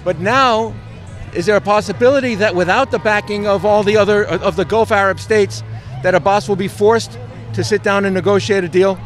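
A male interviewer asking long, halting questions with many restarts. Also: high voice, steady tone, faint music behind, a faint crowd.

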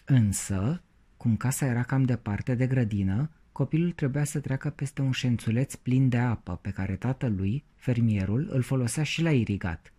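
A man reading a children's story aloud in an expressive way. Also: mid-range voice. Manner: expressive, animated.

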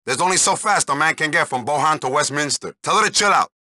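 A man's voice: on the high side, animated, fast, pushed and bright, dry recording, clean studio sound. A man voicing a sarcastic, foul-mouthed club manager in a video game, speaking in streetwise slang. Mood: sarcastic, irritated. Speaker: nightclub manager running errands.

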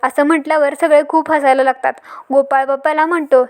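Female recap narrator with a high voice, retelling serial scenes beat by beat. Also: level tone, quick pace, a little mellow. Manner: retells scenes line by line, quoting each character in turn. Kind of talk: storytelling recap of a TV serial episode.

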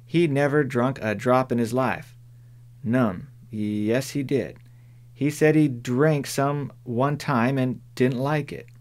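A man voicing a young, stubborn tomboy girl in an audiobook, speaking bluntly in a raised pitch. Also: fairly even intonation, takes it slowly, darkish tone, natural voice. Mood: earnest. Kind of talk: audiobook character voice.

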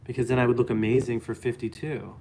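A man in his late thirties talks into a phone held close in a home living room, rambling and joking as he reads comments. His voice sits at an ordinary middle pitch. A faint hiss runs under the audio. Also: flat delivery, quick pace. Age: late 30s. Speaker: live stream co-host. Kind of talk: casual live-stream chat. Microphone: phone camera close up.

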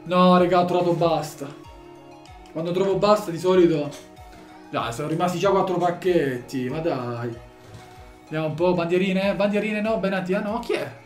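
Excitable man shouting over game music. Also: high-pitched, moderate pace, roomy sound. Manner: swings from shouted excitement to muttering. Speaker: gaming YouTuber opening packs. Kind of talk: excited casual commentary.

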